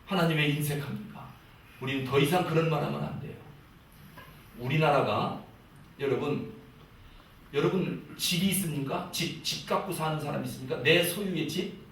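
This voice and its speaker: Middle-aged man preaching, high-ish voice, acts out whiny prayers, big church echo. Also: gravelly, a little hiss or hum. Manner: animated, mimics pleading prayers. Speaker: pastor. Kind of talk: sermon. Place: church sanctuary. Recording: echoey church hall, distant mic.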